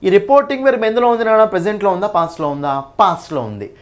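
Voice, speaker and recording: Man, grammar teacher, rapid delivery, repeats rules, asks "okay?". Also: high-pitched, sing-song. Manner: repeats points, checks in with "okay?"; mixes English terms into Telugu. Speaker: English teacher. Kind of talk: exam-prep grammar lesson.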